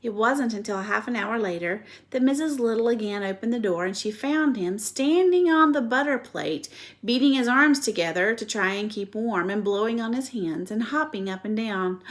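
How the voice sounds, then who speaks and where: A woman's voice: fairly high pitch, animated, normal speed. A woman reading a children's chapter book aloud expressively, stopping to show the pictures.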